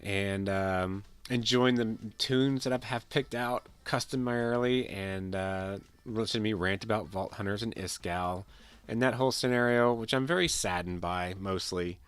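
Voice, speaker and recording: A man's voice: deep voice, fairly bright tone. A man with a sick, nasal voice, chatting casually with viewers as he wraps up a game stream, rambling and repeating himself. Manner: rambling, repeats words and restarts sentences. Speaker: livestreamer. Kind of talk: casual stream chat while gaming.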